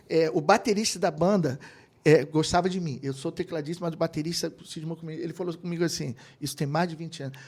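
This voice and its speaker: A middle-aged man from Brazil, a keyboardist and producer telling anecdotes in a casual interview. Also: high-pitched. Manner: animated anecdotes with quoted voices and laughter. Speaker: guest, keyboardist and music producer.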